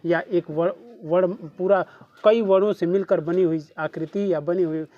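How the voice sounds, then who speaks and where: A man's voice: high-pitched, steady tone, measured pace, dry recording, lo-fi sound. A man with a Bhojpuri accent teaching a class, who keeps asking questions back to his students. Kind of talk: classroom lesson.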